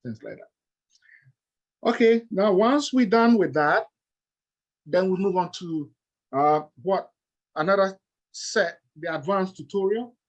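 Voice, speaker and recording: A middle-aged man with a Ghanaian accent presents like a lecturer, his voice sitting a little high for a man. He explains things step by step and keeps stopping on "uh" and "okay" as he goes. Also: takes it slowly, long pauses, muffled recording.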